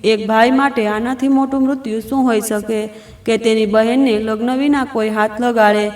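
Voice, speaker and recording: A woman's voice: fairly high pitch, roomy sound, far from the mic. A woman narrating a scripted, emotional family story with a dramatic reading.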